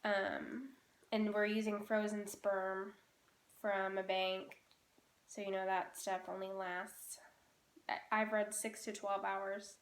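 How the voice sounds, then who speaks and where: A woman's voice: medium pitch, little pitch movement, takes it slowly. Woman in her twenties, chatty and teasing, casual vlog talk, echoey room. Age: 20s. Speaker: vlogger. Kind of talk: casual home vlog chat.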